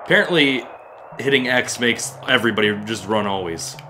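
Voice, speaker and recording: A man's voice: medium pitch, animated, normal speed. A young man co-hosting a video game session, joking and laughing through playful banter. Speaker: co-host playing a video game. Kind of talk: casual gaming banter. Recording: noisy background hiss.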